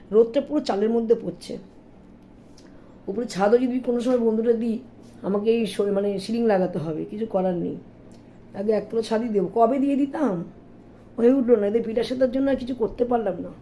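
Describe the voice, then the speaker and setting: Woman, middle-aged, hoarse, warm tone, casual home vlog, faint noise. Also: a little high. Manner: chatty, complaining, addresses viewers directly. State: hoarse sore throat. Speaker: vlogger. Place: home, indoors.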